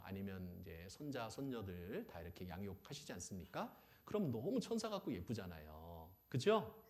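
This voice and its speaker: A man preaching as a pastor, animated, asking the audience questions and acting out little scenes. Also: fairly low pitch. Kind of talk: lively sermon.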